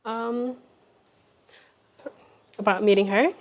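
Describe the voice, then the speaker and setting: A young woman from South Sudan answering interview questions, shy and soft-spoken with frequent fillers. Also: fairly high pitch, fairly even intonation, slow pace. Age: young adult. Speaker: guest. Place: television studio.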